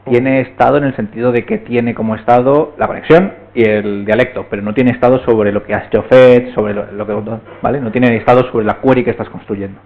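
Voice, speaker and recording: Fairly quick and with few pauses, a medium-pitched man with fairly even intonation walks a meetup audience through a technical topic one step at a time, often checking in with listeners. The recording sounds tinny, like a phone.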